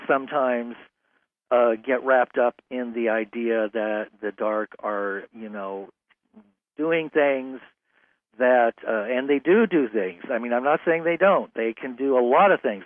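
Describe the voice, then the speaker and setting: A man hosting a casual interview, speaking haltingly with many fillers. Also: medium pitch, no echo. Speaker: radio host. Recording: tinny phone-like radio line, dry.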